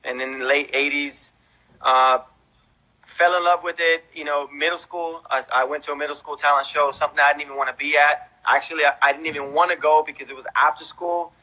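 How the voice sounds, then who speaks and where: This veteran breakdancer, a Mexican-born man in his thirties who grew up in Houston and has an American accent, talks a little fast with fairly even intonation. His voice is on the high side, bright and forceful, though the audio is poor. As an interview guest he tells stories informally, tossing in plenty of "you know" and "man."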